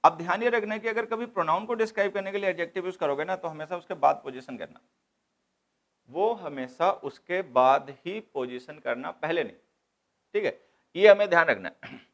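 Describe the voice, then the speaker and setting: A man with a high, expressive voice moves at a quick pace through an English grammar lecture for exam students. He breaks each idea into steps and goes back over the important points.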